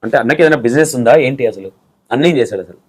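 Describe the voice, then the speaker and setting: Blunt, fast-talking man anchor. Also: medium pitch, lively intonation, husky. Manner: blunt, pressing, scolding. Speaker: interview anchor. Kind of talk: confrontational interview questioning.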